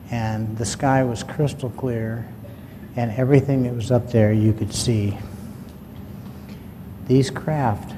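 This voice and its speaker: A man's voice: mid-range voice, warm tone. Man telling a story in an echoey hall. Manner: folksy, plain-spoken, quotes his dad in dialogue. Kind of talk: recounted personal story. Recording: long hall reverb, faint ambient noise.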